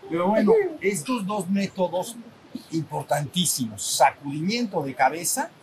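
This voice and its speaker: A man teaching a retreat lecture. He speaks informally, restarts his sentences often, checks in with his listeners and acts out sounds as he explains. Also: moderate pace. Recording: steady background rumble and noise.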